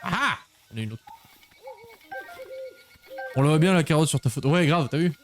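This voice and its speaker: Un homme qui commente sa partie de jeu vidéo de façon décontractée, joueuse et pleine d'exclamations. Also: male voice, on the high side, animated, normal speed, faint music behind. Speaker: video game streamer. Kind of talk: casual gameplay commentary.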